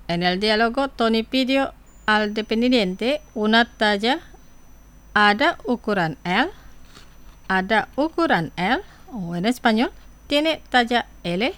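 A woman presenting a radio language lesson, saying each phrase twice before she translates it. She speaks slowly and carefully and has a tongue. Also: a little high, clear, resonant tone.

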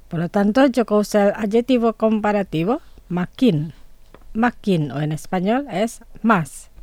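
Slow, careful woman teaching a language. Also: medium pitch, darkish tone, no echo. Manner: slow, careful, repeats each word twice. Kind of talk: radio language lesson.

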